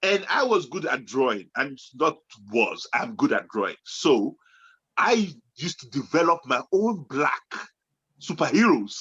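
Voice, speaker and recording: A man in his late forties, co-hosting a casual chat in an animated way, turning from loud excitement to low musing. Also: a little slow, husky. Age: 40s. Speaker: podcast co-host. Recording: dull lo-fi sound.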